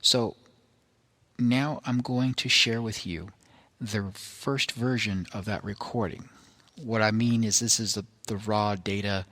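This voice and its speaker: A man presenting a recording in an explanatory monologue, phrasing things carefully and haltingly, in short deliberate pieces. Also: lowish voice, bright, forceful tone.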